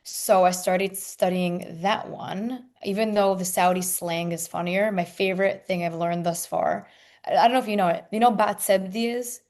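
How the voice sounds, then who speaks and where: A woman's voice: on the low side, fairly even intonation, normal speed, a little mellow. A young adult woman speaking as an interview guest in an informal, candid, casual chat style.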